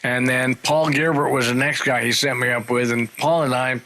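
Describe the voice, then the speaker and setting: Bright-voiced rambling man in his sixties. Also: medium pitch, steady tone, normal speed, rough recording. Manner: rambling, jokey anecdotes with asides. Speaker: podcast host. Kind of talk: casual interview chat.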